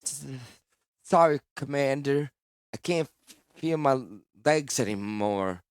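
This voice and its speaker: A man's voice: mid-range voice, animated, takes it slowly, clean tone, no echo, studio quality, pitched above the performer's own voice. A man voicing a dying young female sailor, weak and shivering, who stammers through chattering teeth. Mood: faint, fading.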